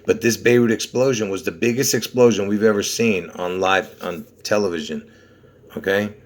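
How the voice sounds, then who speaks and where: A Lebanese man hosts a conspiracy numerology video, his lowish voice moving at a normal pace. He rambles insistently through the numbers, repeating them and constantly asking "okay?" and "you see?"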